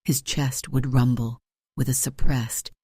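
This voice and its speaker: A man narrating a paranormal romance audiobook in a steady, dramatic storytelling manner. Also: medium pitch, a little slow, slightly rough, no room sound, studio quality.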